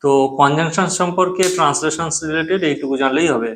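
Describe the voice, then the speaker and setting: A man's voice: a little high, quick pace, fairly bright tone, slight background noise. A man who speaks Bengali as his first language, teaching English grammar, patiently explaining in Bengali with English terms and often checking that students follow. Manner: patient, repeats key terms, checks in with "thik ache?".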